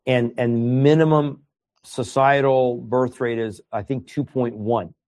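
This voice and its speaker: A man's voice: medium pitch, fairly even intonation, measured pace, a little mellow. A man from Iran whose first language is Farsi, a guest speaking earnestly in a conversational interview and often repeating words as he starts a thought.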